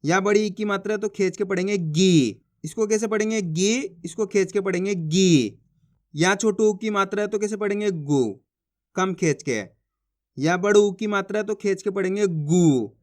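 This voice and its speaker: A man teaching a basic reading lesson, patient, repeating each syllable and often checking whether the listener has understood. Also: high-pitched.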